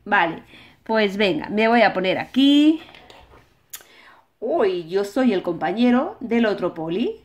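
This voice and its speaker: A woman's voice: medium pitch, animated, slow pace, pauses often. A woman with a Spain accent voicing a friendly, bossy toy policeman for children, chatty and sing-song. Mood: chatty, proud. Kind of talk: toy play-acting for children.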